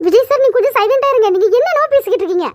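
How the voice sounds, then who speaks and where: A woman voicing a timid, high-voiced cartoon maid. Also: lively intonation, very fast, a little mellow, dry recording, clean studio sound. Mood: pleading. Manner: pleading, deferential. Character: meek young housemaid, polite and timid. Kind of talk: animated cartoon voice acting.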